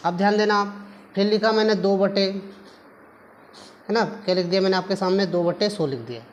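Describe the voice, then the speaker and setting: A man's voice: high voice, moderate pace, dull audio. Male maths teacher, patient board lesson, rhetorical questions, affectionate toward kids, faint hum behind. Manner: patient, keeps asking the class rhetorical questions and answering them; addresses pupils affectionately as children. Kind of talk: classroom lesson explaining at a board.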